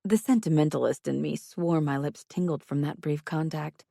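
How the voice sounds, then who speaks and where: Low, gravelly woman narrating an audiobook. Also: dark tone, no room sound, clean studio sound. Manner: measured, intimate storytelling. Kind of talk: first-person audiobook narration.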